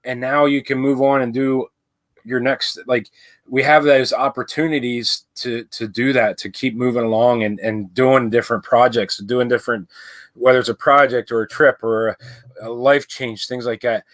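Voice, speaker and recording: A man's voice: medium pitch, steady tone, moderate pace, dry recording. A young adult man hosting a casual livestream from his RV, rambling, with many fillers and restarts. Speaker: livestream host. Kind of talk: casual live chat. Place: inside an RV.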